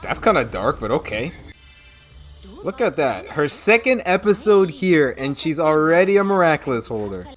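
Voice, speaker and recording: Low-voiced, animated woman reacting. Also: normal speed, soft background music. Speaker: reaction video host. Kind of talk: casual reaction commentary to a cartoon.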